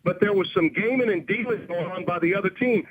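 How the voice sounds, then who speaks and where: A man's voice: high voice, fairly quick, phone-quality sound, a little hiss or hum. A man working as a sports radio commentator, debating in an exasperated, dismissive way. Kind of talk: heated sports talk debate.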